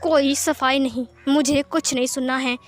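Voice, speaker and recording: A woman's voice: high voice, fairly even intonation, normal speed, faint music behind, natural voice. A woman voicing a stern, protective young man who scolds and gives orders in a storybook reading. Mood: angry. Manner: scolding, forceful. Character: stern protective elder brother, harsh and commanding.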